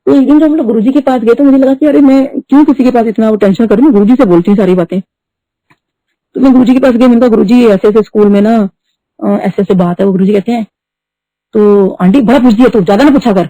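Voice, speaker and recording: A middle-aged woman telling a devotional story at a satsang, talking fast and mixing in English words. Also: fairly high pitch, fairly even intonation, dark tone, no echo. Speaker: devotee sharing testimony. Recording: dull lo-fi dry recording.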